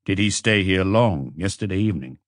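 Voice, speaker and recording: In this audiobook, a man voices a calm police inspector who probes with few words and a measured tone. The recording is very dry, carrying his fairly low voice without any room sound.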